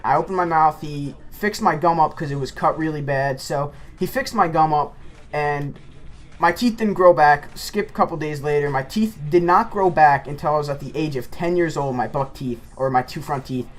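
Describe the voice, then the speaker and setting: A man's voice: a little high, moderate pace. A man telling a rambling personal story as a casual gameplay commentator. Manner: rambling, animated anecdote-telling.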